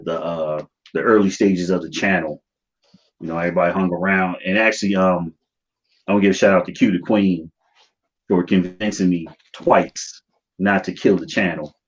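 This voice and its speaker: A man's voice: sits low, fairly even intonation, normal speed. An American man chatting casually and informally in slang as the host of a livestream. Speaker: livestream host of a YouTube channel. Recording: dull, lo-fi stream audio.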